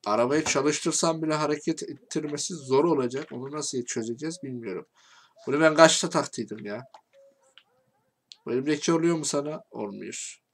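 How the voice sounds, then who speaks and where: A man with a Turkish accent giving casual game commentary, talking to himself and swinging from quiet muttering to angry shouting. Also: on the high side, normal speed. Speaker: gaming YouTuber.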